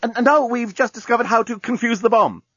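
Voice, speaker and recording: A man's voice: very high-pitched, quick pace, fairly bright tone, slightly rough, no echo, dull audio, pitched above the performer's own voice, exaggerated voice. A man voicing a young woman who speaks in an urgent, pleading way.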